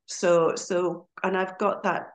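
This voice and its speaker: Speaking slowly in a lowish voice with a flat delivery, a middle-aged woman from Aberdeen, Scotland, chats as a podcast guest. It's a casual interview, and she laughs readily as she talks.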